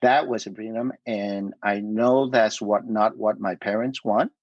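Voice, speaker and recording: A middle-aged Vietnamese man whose first language is Cantonese is a guest in a casual interview, telling his life story haltingly with many fillers and restarts. His voice is on the low side and steady, recorded lo-fi with no room sound.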